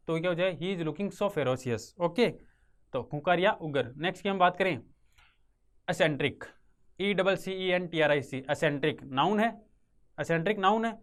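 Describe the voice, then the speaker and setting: An exam-prep English vocabulary class is led by a man whose voice is on the high side and who carries a Rajasthani Hindi accent. He repeats every word and supplies answers to his own questions, recorded on a close mic in a classroom or studio with a writing board.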